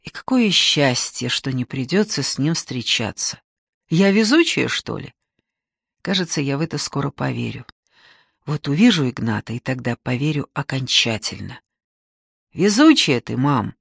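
A woman reads an audiobook in the first person, telling the story in an expressive, conversational way. Her voice sits at a middle pitch but rises and falls a great deal. The sound is close and dry, with no room echo. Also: normal speed, gravelly, breathy edge. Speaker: audiobook narrator.

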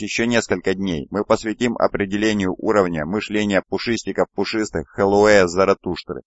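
A stern chief judge lays out court procedure in a low, measured official voice, read by a male narrator. The recording is dry and somewhat muffled. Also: no room sound, close to an everyday voice.

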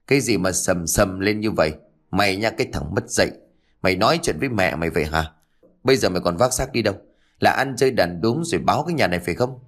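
A man voicing a stern old stepfather, gruff, bellowing, low-pitched. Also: expressive, fast talker. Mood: angry.

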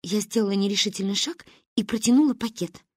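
A woman narrating a humorous story in a lively, expressive storytelling manner. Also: mid-range voice, fast, breathy edge, no room sound, clean studio sound. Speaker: audiobook narrator.

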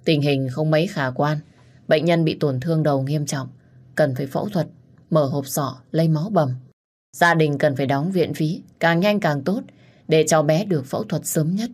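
A woman reading as a calm middle-aged doctor. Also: low voice, husky. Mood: grave. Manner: matter-of-fact, measured.

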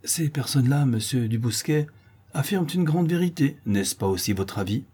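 A man voicing a calm, learned young gentleman who speaks in a measured, erudite way, in an audiobook reading. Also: medium pitch, husky, pitched above the performer's own voice. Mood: assured.

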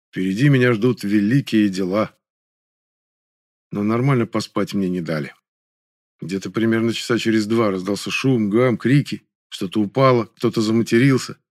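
Man calmly narrating an audiobook. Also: lowish voice, dry recording, studio quality. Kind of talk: scripted first-person narration.

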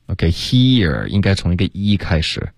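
Man, very deep voice, dry studio sound, patient pronunciation coach, radio lesson. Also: very animated, vocal fry, dry recording. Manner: patient, corrective, demonstrates sounds slowly.

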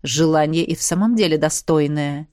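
A woman voicing a calm, reserved male swordsman god in an audiobook, speaking in a lowered voice. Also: moderate pace, no echo, clean studio sound, close to an everyday voice. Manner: calm, evasive, low-key. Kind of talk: audiobook character voice.

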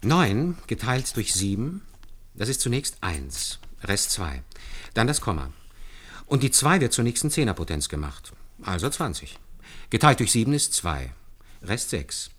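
Pitched on the low side with a sing-song, slightly bright tone, the actor gives a full character voice at a measured pace. In this German radio play he is an earnest, deferential calculator showing superiors hand arithmetic step by step, patient and assured.

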